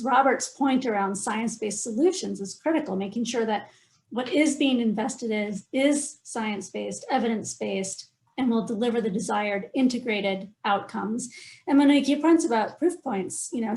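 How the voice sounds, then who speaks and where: A woman speaking as a panelist on a video call, fluent and well organized, stressing her key points. Her voice sits slightly high. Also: a little mellow, poor audio. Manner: fluent, structured, emphatic.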